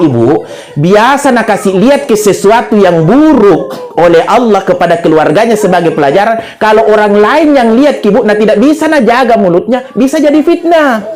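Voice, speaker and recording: A man's voice: high-pitched, a little mellow. A middle-aged man with a Makassar accent giving a humorous condolence sermon, telling jokes and acting out the dialogue in his stories. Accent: Makassar Indonesian. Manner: joking storyteller acting out dialogue. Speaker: preacher.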